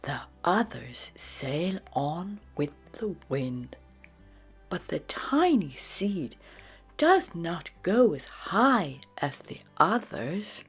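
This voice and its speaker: A woman narrates children's picture books over music in a low, breathy voice that is lilting and expressive. She reads aloud unhurriedly, telling the story in a slow, deliberate and expressive way.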